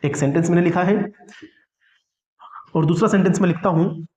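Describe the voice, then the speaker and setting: A man with a Hindi accent teaches an English classroom lesson, asking questions and then answering them himself. His voice sits high with a darkish tone at normal speed, and the lo-fi room sound is echoey and dull.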